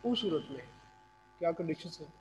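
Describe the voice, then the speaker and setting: A man's voice: fairly high pitch, expressive, moderate pace. Man teaching online in a roomy echo. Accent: Pakistani. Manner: patient, quizzes students. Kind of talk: online class lecture. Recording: roomy reverb, faint noise.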